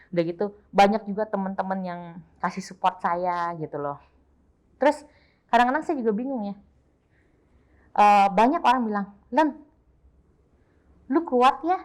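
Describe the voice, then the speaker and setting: A woman's voice: medium pitch, moderate pace, long pauses. Woman sharing a heartfelt testimony. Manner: emotional, repeats herself, quotes others in lively voices. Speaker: guest sharing her testimony. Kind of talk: casual personal testimony.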